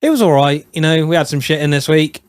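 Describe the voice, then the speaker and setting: A man, co-hosting a casual podcast chat with dry, deadpan jokes. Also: on the high side, fast talker, slight background noise. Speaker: podcast co-host.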